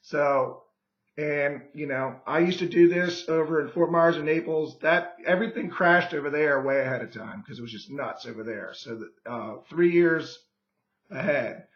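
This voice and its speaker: A hoarse man losing his voice, a real estate agent making a pushy, persuasive sales call who keeps checking in with "okay?" and clears his throat often. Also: fairly high pitch, normal speed, reverberant, muffled recording.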